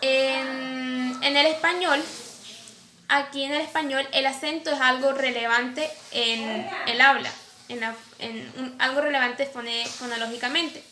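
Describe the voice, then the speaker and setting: A woman's voice: high voice, steady tone, unhurried, sharp tone. A woman teacher explaining a lesson over slides, who asks herself questions and then answers them. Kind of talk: recorded lecture over slides. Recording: echoey room, faint background noise.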